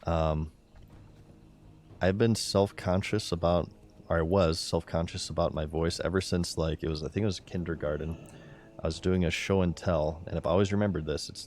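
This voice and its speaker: A man with a monotone, low-energy delivery, chatting casually as he streams a game. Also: moderate pace, slight background noise. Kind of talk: casual chat while gaming.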